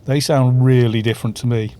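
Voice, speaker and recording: With a mellow, clean, mid-range voice and a steady tone, this North Welsh man in his fifties talks briskly while hosting a game group on a live stream. He's chatty and rambling, chuckles a lot, and reads chat messages aloud as faint music plays behind him.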